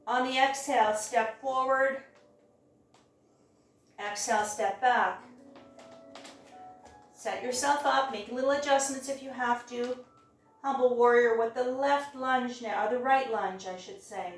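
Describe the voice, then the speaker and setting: A woman teaching a hatha yoga class, guiding each step in a careful, unhurried way. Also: on the high side, fairly even intonation. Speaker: yoga instructor. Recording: very echoey room, distant mic, music.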